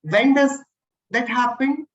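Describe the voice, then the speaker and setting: A man's voice: very high-pitched, takes it slowly, muffled recording. Man breaking up on a bad call. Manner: explanatory, checks in with listeners. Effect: voice breaking up over a bad call connection. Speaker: instructor. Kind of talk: online class lecture.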